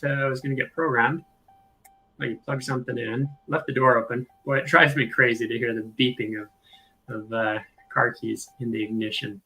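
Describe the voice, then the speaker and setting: A man's voice: mid-range voice, gravelly, sharp tone, poor audio. A man giving casual, think-aloud live commentary as a host going through video clips. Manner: thinking aloud, informal narration. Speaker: video host reviewing footage.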